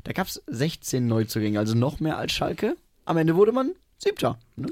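A man's voice: a little high, wildly swooping pitch, normal speed, darkish tone, no room sound. A man co-hosting a podcast in casual chat, reeling off numbers and dropping dry jokes. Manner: dry joking, reels off stats. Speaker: podcast co-host.

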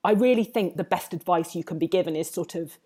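A woman's voice: lowish voice, quick pace, dark tone. A woman with a southern English Home Counties accent talks reflectively in conversation, circling back over her phrases as she goes. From Hertfordshire, England. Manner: discursive, circling back with repeated hedging phrases. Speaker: food writer, interview guest.

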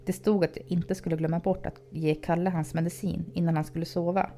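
Dark-voiced female horror narrator. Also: lowish voice, slight background noise. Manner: calm, measured reading. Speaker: storyteller. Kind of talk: podcast horror story narration.

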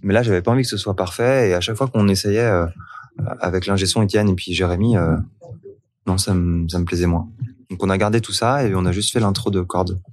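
A man from France, a singer-songwriter guest, talking in a relaxed interview with many fillers and restarts. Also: low-pitched, fairly quick, no room sound.

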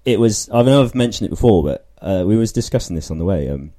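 A man hosting a casual podcast chat, jokey and quick to laugh, rambling with restarts. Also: on the low side, expressive, crowd noise. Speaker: podcast host.

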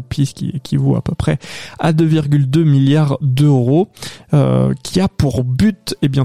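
A man hosts an economic news podcast, talking through the press review in a relaxed way with frequent hesitations. His voice is very dark and gravelly. The sound is dry and close, with no room in it. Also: a little high, no room sound. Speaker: podcast host.

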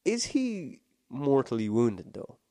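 A man's voice: mid-range voice, big pitch swings, takes it slowly, warm tone, no room sound, studio quality. A man in his thirties in a casual comedic chat, rambling and jokey, laughing often and restarting his sentences.

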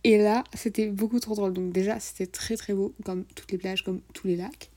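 A woman's voice: medium pitch, steady tone, moderate pace, dark tone. A young woman co-hosting a travel podcast, recounting the trip in enthusiastic, slangy casual chat. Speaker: podcast co-host.

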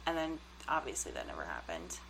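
A woman in her early thirties with vocal fry, chatting casually and self-deprecatingly as a podcast co-host. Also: very deep voice, wildly swooping pitch, a little fast, a loud crowd, rough recording. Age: early 30s. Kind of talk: casual banter.

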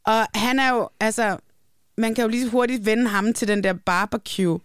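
Woman hosting a chatty podcast, smooth clear voice, says it straight, dry room. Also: fairly high pitch, no echo. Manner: blunt, emphatic, swears casually. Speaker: podcast host. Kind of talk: casual podcast chat.

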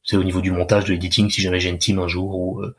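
A man's voice: low voice, level tone, quick pace, slightly rough. A man working as a fitness coach, talking casually in an interview, loose and chatty with many restarts.

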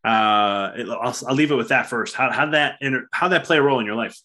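Host: a man with a bright voice, halting questions. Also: mid-range voice. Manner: halting, restarts his question. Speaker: podcast host. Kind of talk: interview question.

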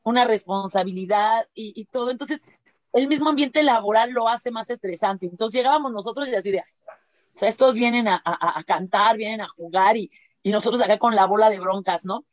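A woman's voice: mid-range voice, a little fast, no room sound, lo-fi sound. A woman with a Mexican accent, a laughter-doctor guest, chatting casually and acting out quotes as she tells stories. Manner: lively storytelling, often acts out quotes; frequent tag questions and fillers. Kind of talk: casual interview chat.

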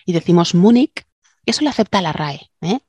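A woman's voice: lowish voice, expressive, fast talker, a little mellow, slightly rough, dry recording. A woman co-hosting a casual science podcast, a linguist who chats, jokes and explains things with digressions. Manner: chatty, joking, explains with digressions.

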